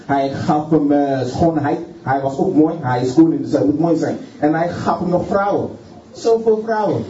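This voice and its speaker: A man's voice: on the high side, dark tone, a little hiss or hum. A man preaching a sermon with fervor, often repeating words and stopping to say hallelujah. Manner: fervent, halting, punctuates with hallelujah, many repeated words. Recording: distant, roomy, dull sound.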